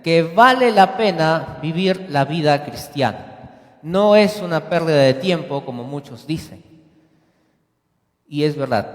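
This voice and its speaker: A man with a slightly high voice preaches a sermon in a reverberant church sanctuary. He questions the congregation directly and acts out short quoted exchanges. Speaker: lay preacher. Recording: echoey church hall.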